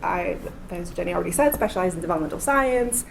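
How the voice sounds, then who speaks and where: A postdoctoral researcher in her thirties from Miami, United States, gives an academic lecture in a lecture room, working through her points step by step in order. Her voice is fairly low, animated, and fast, with vocal fry, and the low-quality recording has slight background noise.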